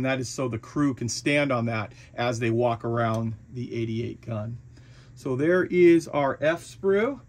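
A man casually talking through the parts of a model kit, chatty and relaxed, with frequent fillers and restarts. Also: medium pitch. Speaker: hobby shop owner reviewing a model kit. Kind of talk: casual product walkthrough.

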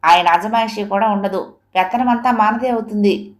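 A woman's voice: mid-range voice, moderate pace, lightly acted. Woman voicing an irritable grown son. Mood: irritated. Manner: irritable, raises his voice. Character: impatient greedy adult son, quick to anger. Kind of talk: audio story reading.

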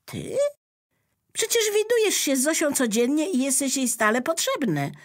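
A woman's voice: medium pitch, slow, slightly rough, voice pushed up, full character voice. A woman voicing an eager, proud little teddy bear in a children's storybook. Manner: excited and proud.

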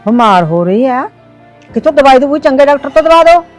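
A woman's voice: high voice, big pitch swings, fairly quick, faint music behind. A woman playing a grieving old village mother. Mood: worried. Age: older. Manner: pleading and consoling. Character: grieving elderly village mother, tender and devout. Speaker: actor. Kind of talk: village drama acting.

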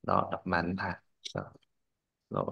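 A man's voice: low voice, big pitch swings, slow pace, gravelly, sharp tone, slightly rough, poor audio. A male language teacher, leading a classroom pronunciation drill. He models words, corrects students, and keeps checking that they follow.

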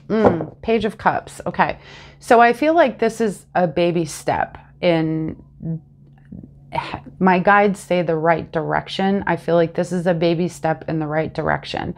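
Slightly sniffly and congested, a woman in her thirties gives a chatty tarot reading to camera from a small room at home, wearing a lapel mic. Her voice is on the low side and she takes things slowly, though she's animated and gestures as she talks.

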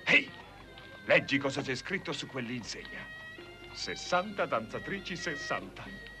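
An actor playing an excitable, sly soldier in a dubbed film comedy. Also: male voice, mid-range voice, unhurried. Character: excitable, sly, girl-crazy army pal. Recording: old film soundtrack with clear music behind.

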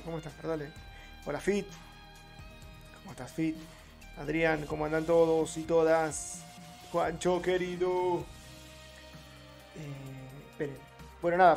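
Gravelly Rioplatense man streaming live. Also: high-pitched. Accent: Rioplatense Spanish. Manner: chatty, greets chat viewers by name. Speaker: trading streamer. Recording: faint music behind.

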